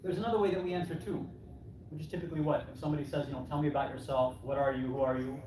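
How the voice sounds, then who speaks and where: A man with a fairly high, darkish voice preaches very fast and with fairly even intonation in an Islamic center hall. His conversational English sermon is full of rhetorical questions, "right?" check-ins and acted-out replies. The distant mic picks up strong echo and clear noise.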